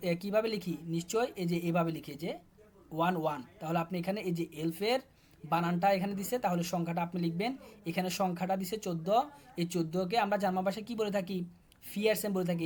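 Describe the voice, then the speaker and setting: Fast-talking Bangladeshi man teaching German. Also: sits high, darkish tone. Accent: Bangladeshi Bengali. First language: Bengali. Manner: talks students through textbook exercises, repeating words. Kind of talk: casual explanatory lesson.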